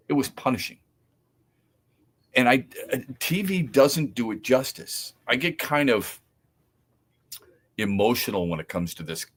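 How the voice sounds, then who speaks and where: Male sports talk host with a Midwestern accent, low-pitched and opinionated, who makes his case through emphatic rhetorical questions. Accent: Midwestern American.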